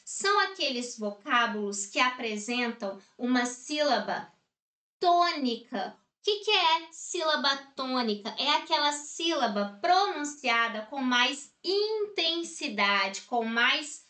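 A woman from Brazil gives a recorded grammar lesson in a bright, fairly high voice. She explains at an unhurried pace and keeps checking in with short tag questions. The room around her sounds echoey. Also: very animated. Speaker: teacher.

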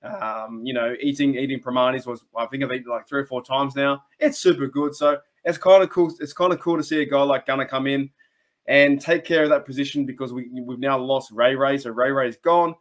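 A man's voice: medium pitch, steady tone, brisk. A young Australian man chats enthusiastically to his webcam about his team, often restarting his sentences and wandering into asides. He talks from a small room at home into a desk mic, in a loose, casual commentary style. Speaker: sports channel host. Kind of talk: casual fan commentary to camera.

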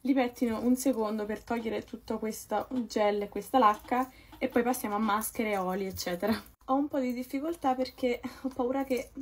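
A young woman from Naples, chatting quickly and casually to her viewers while doing her makeup. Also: on the high side, a little mellow. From Naples, Italy. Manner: fast-talking, chatty, addresses viewers as "raga". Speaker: beauty vlogger. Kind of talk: casual get-ready-with-me chat.

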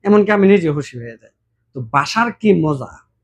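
A man speaks in a casual vlog monologue, his voice sitting a little high. He talks warmly and keeps sliding into imitations of other regional dialects. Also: normal speed. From Brahmanbaria, Bangladesh. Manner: mimics regional dialects, animated and warm-hearted. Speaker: vlogger.

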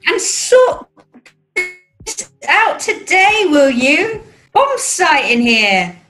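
A woman's voice: very high-pitched, sing-song, extremely slow, a bit bright, soft background music, full character voice. A woman playing a fussing, coaxing British mother in a rehearsed script reading over a video call. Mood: nagging. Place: small room at home, video call.

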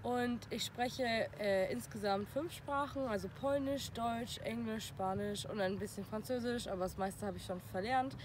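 A woman's voice: a little high, normal speed, hardly any pauses, a little hiss or hum. Easygoing teen girl outdoors. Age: teens. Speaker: student introducing herself. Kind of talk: casual self-introduction. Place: outdoors on a path.

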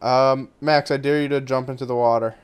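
A man's voice: medium pitch, fairly even intonation, fairly quick, clear, resonant tone, no echo. A man hosting a casual multiplayer game session, talking his friends through the controls with lots of "um". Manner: guides the others through the controls, often with "um". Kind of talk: casual gaming chat.

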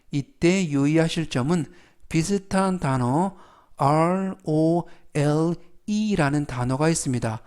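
Slow, formal male teacher. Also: on the high side, darkish tone, smooth. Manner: formal and polite, spells out each word slowly, repeating it. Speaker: English vocabulary teacher. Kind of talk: slow, scripted vocabulary lesson.

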